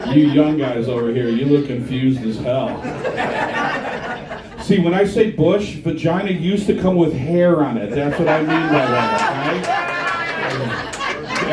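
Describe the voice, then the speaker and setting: A middle-aged man doing a crude, punchy stand-up comedy set and bantering with the crowd in a comedy bar. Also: on the high side. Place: comedy bar with a live audience. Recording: roomy live club sound from a distance. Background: audience laughing.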